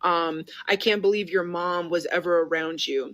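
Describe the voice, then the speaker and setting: A woman's voice: lowish voice, fairly even intonation, normal speed, fairly bright tone. A woman ranting to camera in a heated, profane, lecturing tone. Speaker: social media commentator. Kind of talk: angry direct-to-camera rant.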